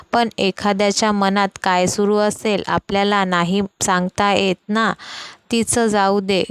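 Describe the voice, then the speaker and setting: A woman reading a scripted family story aloud, voicing the friends' dialogue herself in an even way. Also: medium pitch, clean tone, dry recording, low-quality recording.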